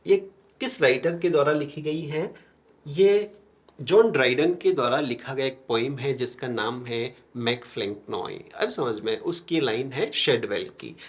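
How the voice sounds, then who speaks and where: Slow, questioning male teacher with Indian English. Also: fairly high pitch. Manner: explains step by step with frequent questions to students; writes on a board while talking. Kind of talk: classroom lecture.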